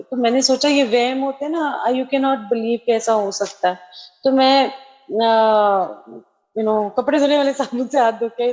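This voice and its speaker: A woman's voice: fairly high pitch, a little mellow. A middle-aged woman, telling a personal devotional story in a chatty way, dropping in English phrases, over a remote call. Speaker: devotee sharing a testimony.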